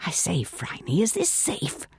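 A woman reading an audiobook voices a flustered young who talks nervously in a low whisper. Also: wildly swooping pitch, moderate pace, slightly rough, no room sound, clean studio sound, exaggerated voice. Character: flustered upper-class young English woman.

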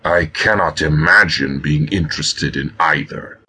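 A man's voice: a bass voice, a little slow, sharp tone, slightly rough, full character voice. A man voicing a proud, hostile male harpy warrior with a rugged, hissing voice, suspicious and contemptuous. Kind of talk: audiobook character reading.

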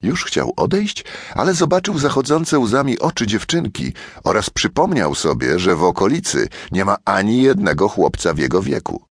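A man's voice: on the low side, very animated, normal speed, breathy edge, no room sound, studio quality. A man narrating a children's audiobook as a storyteller who talks straight to his young listeners.

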